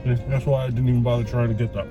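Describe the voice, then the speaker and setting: A man's voice: medium pitch, little pitch movement, racing, lo-fi sound, music in the background. A man rambling casually to a camera in a car, chewing food as he talks, profane and teasing. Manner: chewing while talking, eating as he speaks. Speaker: vlog host. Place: inside a car.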